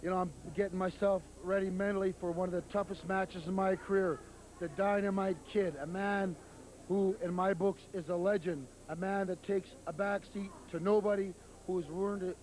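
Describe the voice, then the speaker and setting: A man's voice: fairly even intonation, normal speed, darkish tone, rough recording. A man giving an earnest, solemn wrestling promo in a 1989 TV interview. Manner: earnest, solemn, speaks a little lower. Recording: 1989 TV broadcast.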